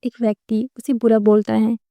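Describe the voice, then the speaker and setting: A woman narrating a story for an audiobook, reading in a plain, steady way. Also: fairly high pitch, moderate pace, no room sound.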